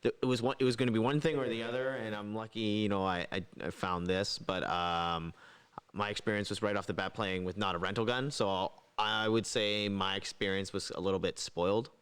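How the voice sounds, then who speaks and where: A man's voice: fairly low pitch, fairly even intonation, fairly quick, a bit bright, clean tone. A man co-hosting a casual podcast chat, rambling and hesitant with lots of fillers. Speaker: podcast co-host.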